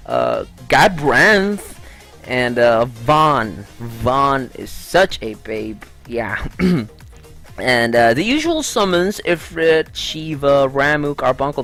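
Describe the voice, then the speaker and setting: A gaming vlogger runs through the week's news in a loose, chatty way, full of "uh" fillers and bursts of enthusiasm. The voice sits in a middle pitch with a gravelly, fry-heavy edge. Faint music plays underneath. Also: fairly bright tone. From Philippines. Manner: chatty and upbeat, lots of "uh" fillers. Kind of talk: casual vlog commentary on gaming news.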